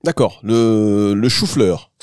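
A man's voice: on the low side, slow pace, darkish tone, clean tone, no echo, clean studio sound. A man hosting a radio interview, chatty and bantering with his guest. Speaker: radio host.

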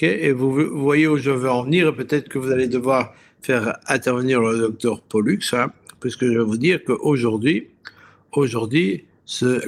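A man appears as a health expert guest on a radio show, explaining science conversationally in a didactic, digressive way. He often checks in with the listener and pauses to search for words, speaking in a mid-range voice with a little hiss or hum in the audio.

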